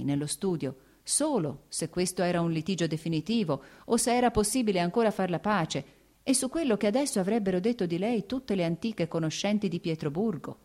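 Woman narrator, audiobook of a classic; measured, lowish. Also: mellow. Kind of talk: literary audiobook reading.

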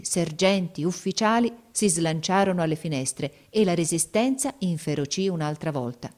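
Woman reading a story in a low voice. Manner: measured, expressive storytelling. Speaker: audiobook narrator. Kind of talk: scripted narration.

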